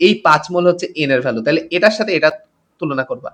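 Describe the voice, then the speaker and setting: Tired tutor, high voice. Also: male voice, expressive, rapid-fire, fairly bright tone. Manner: reads out comments and greets students by name, mixes English terms. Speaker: chemistry tutor. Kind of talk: live online class teaching.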